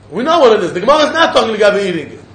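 Guy with a yiddish accent, really high voice, teaching talmud, keeps repeating stuff, echoey room. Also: sing-song, rapid-fire, a bit bright. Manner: insistent, repeats phrases. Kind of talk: informal religious lesson, explaining and questioning. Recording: echoey room with faint noise.

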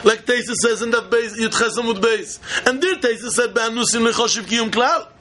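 A man with a very high, bright voice and a Yiddish accent gives a religious study lecture. He teaches by posing questions and repeating his points as he argues them through. There is faint noise behind him. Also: brisk. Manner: repetitive, questioning, argumentative explanation. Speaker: Talmud teacher.

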